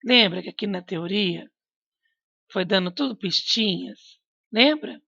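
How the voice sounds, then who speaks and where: A woman teacher talks slowly and patiently to young pupils, coaxing answers out of them with questions and gentle reminders. The sound is dry and a little dull, like a lo-fi home recording. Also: mid-range voice, gravelly, dry recording. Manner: patient, coaxing, asks children questions and repeats prompts. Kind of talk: recorded remote class lesson.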